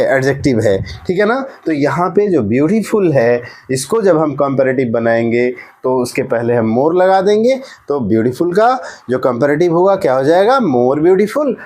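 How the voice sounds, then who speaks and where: A man leads a grammar lesson in a fairly high voice. He talks loosely and repeats himself, asking his students questions and answering them right away, and keeps checking in with a quick "okay?". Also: a little mellow. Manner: repeats "ठीक है ना" often, asks and answers his own questions. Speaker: English grammar teacher.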